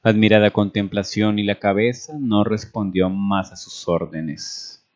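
A man with a fairly low voice narrates a story aloud in a measured, steady way. The recording sounds dull and lo-fi. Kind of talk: reading a fan story aloud.

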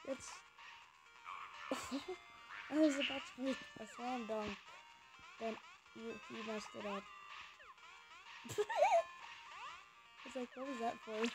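A woman giving casual gameplay commentary as a gaming YouTuber, excitable and talking back at the game with bursts of yelling. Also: fairly high pitch, measured pace, pauses often, loud music behind the voice, poor audio.

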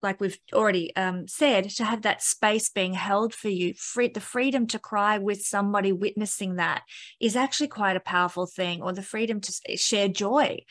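A woman's voice: mid-range voice, moderate pace, a bit bright. Woman host on a video call from home, gushy and enthusiastic, asks long questions. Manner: effusive, enthusiastic reactions. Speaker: astrologer host. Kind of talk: casual video-call interview. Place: home room. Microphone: laptop webcam on video call.

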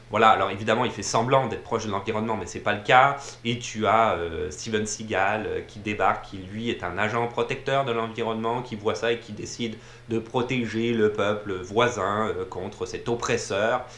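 A man talks through films in a loose, rambling way, full of fillers and restarts. His voice sits fairly low. The room is echoey, with a faint background hum. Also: a bit bright. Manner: rambling, many fillers and repeated words. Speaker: film reviewer. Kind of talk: casual film review talk. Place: room with a TV playing behind him. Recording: roomy echo, faint ambient noise.

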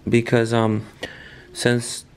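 A man's voice: mid-range voice, monotone, very slow, a crowd in the background. A man, a father hosting a family vlog, chatting casually in an easygoing, rambling way with fillers.

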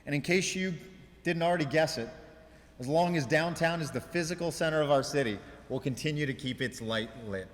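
A man delivering a prepared mayoral speech at a ceremony, in deliberate, emphatic oratory with measured pauses. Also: a little high. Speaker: mayor giving an inaugural speech. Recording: reverberant hall, long echo.

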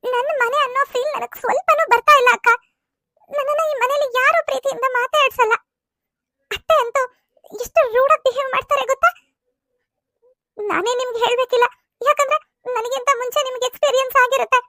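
Very high squeaky voice, a hurt young bride in a cartoon soap pleading and complaining through tears, as a woman plays her. The sound is bone dry and close. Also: fairly quick, long pauses, a bit bright, no room sound. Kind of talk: cartoon serial voice acting.

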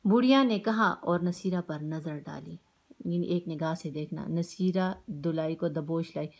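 A woman's voice: deep voice, gravelly, darkish tone. A woman teacher with a Pakistani Urdu accent, reading a story aloud and stopping to explain words with simple synonyms, often checking in with her students. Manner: reads a line, then glosses words with simple synonyms; keeps asking "ٹھیک ہے نا".

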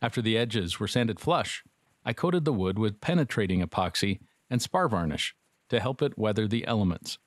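A man's voice: lowish voice, expressive, normal speed, no echo. A middle-aged man giving dry, matter-of-fact scripted narration for a metal workshop how-to, with wry asides. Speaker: metalworking instructor. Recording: voice-over with music bed.

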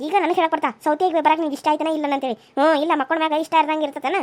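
A woman's voice: high voice, fairly even intonation, rapid-fire, lightly acted. A woman doing a demanding young woman. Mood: accusing. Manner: accusing, insistent. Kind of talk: cartoon voice acting.

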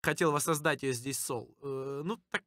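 A man casually commentating on a livestream as a streamer, halting and swearing often, with a teasing streak. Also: medium pitch, bright, forceful tone, no echo, studio quality. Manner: halting, profanity-laced, teasing. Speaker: streamer reacting to rap battles. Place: indoor room at a streaming desk.

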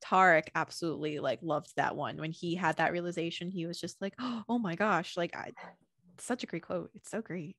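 A woman hosting a casual interview podcast, enthusiastic and quick to laugh, gushing with praise. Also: low-pitched, fairly even intonation, fairly bright tone, no room sound, studio quality. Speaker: podcast host.

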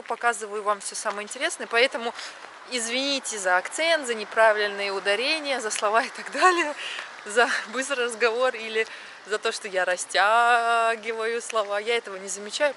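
Walking along a city street after dark, this vlogger in her thirties talks to the handheld action camera she holds at arm's length. She sounds chatty and on the high side, stretching her vowels and leaning on last syllables over the outdoor street noise.

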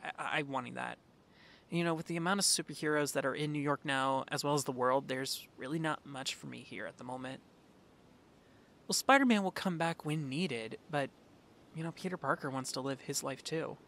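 Man playing Spider-Man, earnest bright-voiced young hero. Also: mid-range voice, brisk, creaky. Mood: earnest, tender. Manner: hesitant, earnest, affectionate. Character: earnest young male superhero, devoted boyfriend. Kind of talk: ASMR roleplay acting.

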